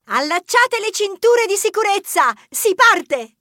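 A man voicing a bold young female mouse who gives brisk, commanding orders. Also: extremely high pitch, sing-song, pushed and bright, no room sound, studio quality, pitched above the performer's own voice, exaggerated voice.

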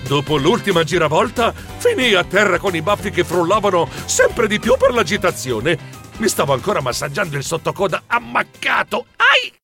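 A fussy, easily flustered male mouse narrating his own mishaps. His high, bright voice leaps all over the scale. Soft music sits under a dry, close sound. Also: big pitch swings, normal speed, full character voice. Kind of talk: audiobook narration.

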